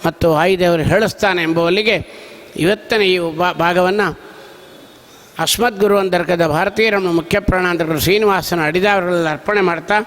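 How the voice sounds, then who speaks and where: A man's voice: high voice, fairly even intonation, normal speed, fairly bright tone. A man giving a devotional sermon, telling the story dramatically and acting out the dialogue. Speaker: religious discourse speaker. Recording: reverberant hall.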